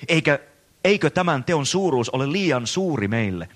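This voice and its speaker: A man's voice: fairly high pitch, very animated, a bit bright, pitched above the performer's own voice. Man reads aloud as an anguished, frantic madman, a storybook figure, piling up dramatic questions. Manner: impassioned dramatic reading, rising rhetorical questions. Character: frantic madman crying out that God is dead.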